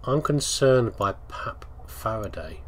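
A British man's lowish, slightly bright voice moves slowly but animatedly through playful, casual game commentary as a let's play host. Along the way he chats to the character, asks himself questions and reads out the text on screen.

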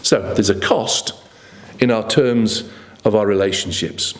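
A man's voice: lowish voice, measured pace. A middle-aged man preaching a sermon at a lectern in a church, earnest and emphatic with rhetorical questions. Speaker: pastor. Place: church hall with red curtains. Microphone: lectern microphone.

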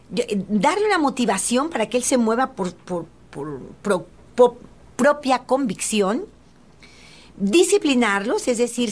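A middle-aged woman with a Mexican accent hosting a radio advice talk, speaking to mothers directly in a motherly, counseling way. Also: a little high. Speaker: radio host.

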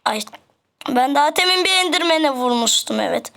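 A woman giving excited gameplay commentary, scolding the game's monsters in rough slang. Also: high-pitched, normal speed. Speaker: gaming channel host.

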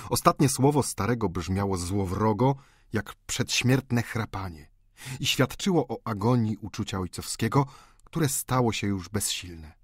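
A man's voice: husky, dry recording, studio quality. Solemn male audiobook narrator. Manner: slow, solemn, lowered delivery. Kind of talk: scripted literary narration.

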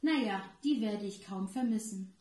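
A woman's voice: medium pitch, moderate pace, a little mellow, close to an everyday voice. A woman voicing a proud, vain young male fish in a children's storybook reading, sounding haughty. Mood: grudging. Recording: roomy echo.

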